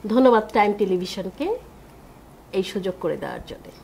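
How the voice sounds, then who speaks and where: A woman speaks formally as a talk show guest. Her pitch is average for a woman, and a light layer of noise sits behind her. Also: sing-song, normal speed, creaky, a little mellow. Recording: faint background noise.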